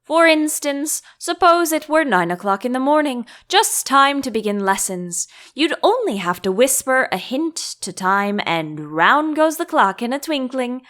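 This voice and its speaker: A woman's voice: high-pitched, very animated, a little slow, few pauses, a bit bright, pitched above the performer's own voice, exaggerated voice. A woman voicing an eccentric male hatter, theatrical and emphatic, by turns contemptuous and mournful, in a storybook reading. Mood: emphatic, scheming.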